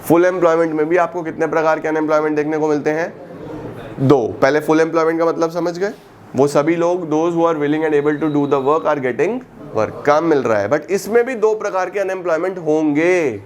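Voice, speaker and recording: His voice is a little high as he lectures an economics class in this recorded classroom session. Calling students "beta", he asks them question after question and supplies the answers himself, stretching key words slowly and mixing English terms with Hindi.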